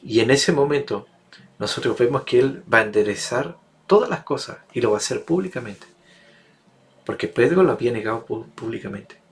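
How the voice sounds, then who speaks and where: Male preacher, sermon delivery, emphatic repetition, gravelly voice. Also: mid-range voice, expressive, fairly quick. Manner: emphatic, builds repetitive rhetorical lists.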